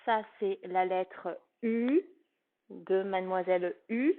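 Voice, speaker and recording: A woman's voice: mid-range voice, slow pace. A woman teacher giving a phonics lesson to a young child, with patient, carefully articulated speech. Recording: tinny phone-like sound.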